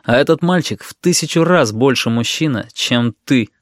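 A man's voice: medium pitch, expressive, moderate pace, no room sound, studio quality, close to an everyday voice. A man voicing a stern adult pilot who firmly scolds someone. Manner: firm, scolding.

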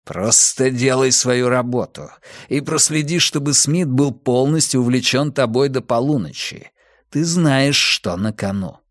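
A male reader voicing a cold, calculating young gang leader in an audiobook, giving orders in a flat, commanding way. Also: mid-range voice, measured pace, no room sound, clean studio sound, natural voice.

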